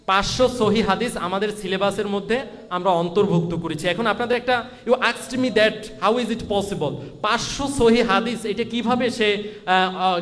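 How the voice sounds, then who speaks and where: A man's voice: high-pitched, fairly bright tone, in a large hall. A man explaining a school's curriculum, talking hesitantly and mixing in English phrases. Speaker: school representative.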